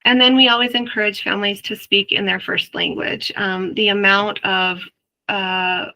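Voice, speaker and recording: Bright, gravelly-edged woman presenter. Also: mid-range voice, level tone, moderate pace, low-quality recording. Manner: chatty, explains with everyday examples for parents; addresses the audience directly. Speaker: early learning presenter; mother. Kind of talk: webinar presentation to health workers.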